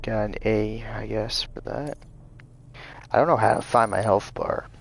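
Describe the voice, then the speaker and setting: A low-voiced man with a gravelly edge to his talk narrates his gameplay live. He mutters and reacts with casual frustration. Faint game music plays underneath. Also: a little slow. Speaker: streamer playing a video game.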